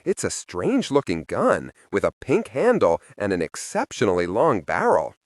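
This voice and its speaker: A man narrating a first-person audiobook in a wry, expressive storytelling manner, close to the microphone. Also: on the low side, normal speed, dry recording.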